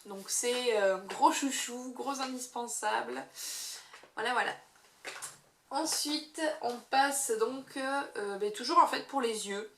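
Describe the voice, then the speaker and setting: A young beauty vlogger casually reviews her monthly makeup favorites, hesitating often with fillers. Her voice is on the high side and her pace slow, recorded in an echoey room with background noise.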